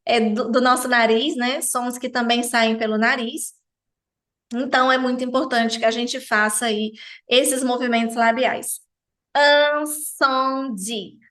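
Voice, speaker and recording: A woman with a high voice teaches a pronunciation lesson at an unhurried pace. She articulates every word with care and repeats it so learners can copy her. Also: a bit bright. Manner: articulates each French word slowly and repeats it. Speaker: French teacher.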